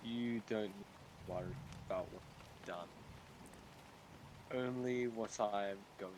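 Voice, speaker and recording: A man playing a small, defiant kobold hero, speaking quietly and coldly. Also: on the low side, measured pace, background noise, natural voice. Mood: grim.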